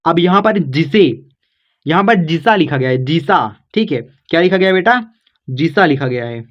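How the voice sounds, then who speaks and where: A man's voice: on the high side, lively intonation, moderate pace, dull audio. A man teaching a spoken tutorial lesson, explaining patiently and checking in after every step. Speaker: English teacher.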